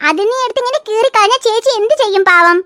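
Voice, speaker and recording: A woman's voice: extremely high pitch, fast. A woman doing a soothing cartoon mom. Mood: calming. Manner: calming, gently scolding. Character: soothing cartoon mother of three girls. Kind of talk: cartoon voice acting.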